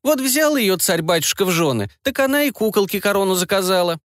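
A man puts on a stern old housekeeper woman in a storybook, fussing in a homely way. Her voice is raised well above the reader's own, lively in pitch, recorded dry. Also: a little fast, dry recording.

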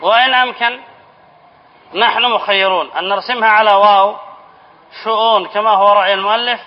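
A male teacher giving a classroom lesson on spelling rules, repeating key phrases, asking the class questions and then answering them, and dictating example words slowly. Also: high voice, fairly even intonation. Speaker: Islamic studies teacher. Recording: dull lo-fi lesson recording with faint hiss.

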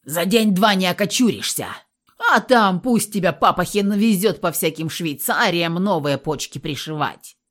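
A woman's voice: lowish voice, animated, normal speed. A woman voicing a crude male thug guard who mocks and swears through a door, in an audiobook reading. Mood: mocking crude. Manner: coarse, mocking and swearing.

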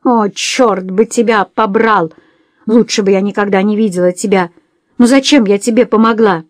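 A woman voicing a hot-tempered young waitress who shouts and threatens in a shrill, raised voice. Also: moderate pace, no room sound, clean studio sound, lightly acted. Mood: bitter.

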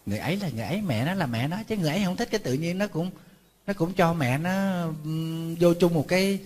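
Husky monk telling stories. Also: male voice, a little high, fast talker. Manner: lively storytelling, acting out family quarrels, scolding asides. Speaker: Buddhist monk teacher. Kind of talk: conversational sermon to an audience.

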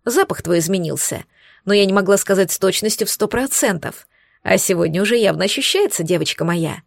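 A woman reading the part of a motherly, sly demoness who reassures in a calm, teasing tone. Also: medium pitch, fairly quick, gravelly, no echo. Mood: reassuring.

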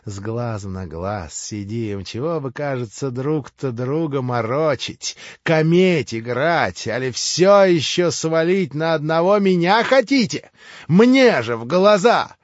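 A man's voice: fairly high pitch, lively intonation, slow pace, no room sound, lo-fi sound, voice pushed up. Smerdyakov, a man voicing a fawning, insinuating servant. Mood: accusing. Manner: servile "-s" endings, insinuating. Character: sly fawning male servant, mocking and accusing.

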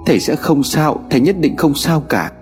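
A man's voice: mid-range voice, sing-song, fairly quick, a little mellow, faint music behind, lightly acted. A man voicing a desperate young girl who pleads and sobs over her dying teacher. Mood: pleading. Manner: pleading, sobbing.

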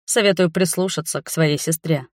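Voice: medium pitch, normal speed, no room sound, clean studio sound, close to an everyday voice. Wry young water mage, read by a narrator. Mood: advising. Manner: even, teasing, advising.

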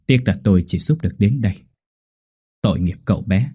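A man playing a calm old fortune-teller. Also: on the low side, slightly rough. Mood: solemn. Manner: calm, measured.

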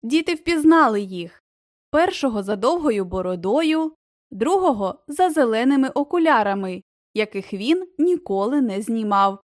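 A woman giving a gentle, expressive scripted reading of a children's tale. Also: fairly high pitch, normal speed, dry recording, clean studio sound. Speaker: audiobook narrator.

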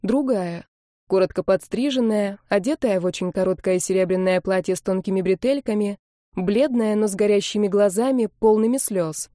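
A woman narrating a romance novel in a calm, even reading on a close mic. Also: mid-range voice, moderate pace, no echo. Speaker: audiobook narrator. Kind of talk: storybook narration.

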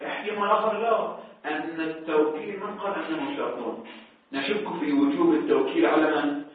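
Male seminary teacher, brisk and slightly high, heard from far off in an echoing room over a tinny phone-like line. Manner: questions students, repeats words for emphasis. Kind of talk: religious law lecture. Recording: distant, echoey, phone-like.

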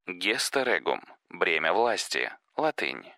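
Gruff sardonic witcher, read by a man, low voice, dark tone, clipped dry delivery, audiobook. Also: animated, unhurried, no echo. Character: gruff, terse male witcher, weary and skeptical.

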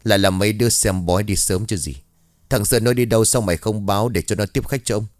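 A man voicing a cunning, scornful older village sorcerer who talks smoothly and persuasively. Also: lowish voice, fast, no room sound, clean studio sound, natural voice. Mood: harsh.

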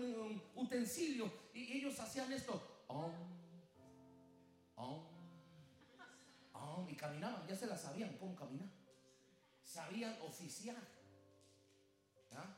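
High-voiced preacher in an echoey church. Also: male voice. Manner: animated and joking, asking the crowd questions. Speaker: pastor. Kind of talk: sermon. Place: large church. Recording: very echoey church with faint music.

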